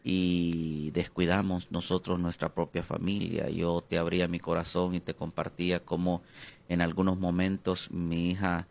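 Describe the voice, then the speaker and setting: Gravelly and darkish, the low voice of a middle-aged pastor with a Honduran accent stays monotone throughout. As an interview guest he's hesitant and reflective, leaning on many long, drawn-out fillers.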